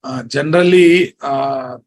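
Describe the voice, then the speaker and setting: A man's voice: mid-range voice, a little slow, darkish tone, shouting. A man with a Telugu Indian English accent teaching a programming class, repeating himself and often checking that listeners follow. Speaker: programming instructor. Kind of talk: classroom lecture.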